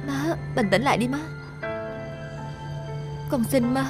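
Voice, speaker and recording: A pleading, soothing daughter. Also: female voice, sits high, takes it slowly. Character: anxious, soothing grown daughter. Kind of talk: film drama acting. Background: film score music.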